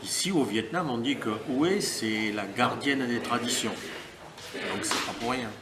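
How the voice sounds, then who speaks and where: A middle-aged man from France, answering interview questions in a thoughtful, measured and lyrical way with pauses. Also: mid-range voice. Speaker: interviewee helping at a family guesthouse. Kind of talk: casual interview. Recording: roomy sound with crowd chatter behind.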